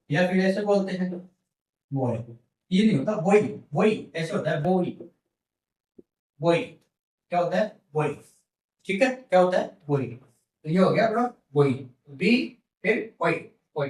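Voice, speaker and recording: A man teaching a lesson, his voice high for a man. He drills each word by repeating it and answers his own questions. He sounds echoey and far from the mic. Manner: repeats words slowly, asks questions and answers them himself. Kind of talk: classroom lesson.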